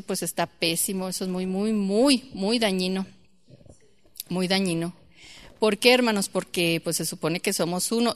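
A Mexican woman preaches a sermon in a chatty way, turning often to her listeners with questions. Her voice sits at a medium pitch, and the hall around her adds a long, ringing reverb. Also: fairly bright tone. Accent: Mexican Spanish. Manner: conversational, addresses listeners as brethren with frequent questions.

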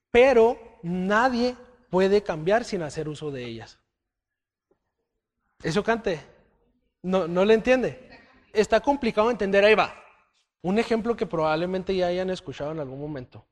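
Man, church bible teaching, conversational, keeps checking in with listeners, slightly high voice. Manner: checks in with listeners, often asking "¿sí?".

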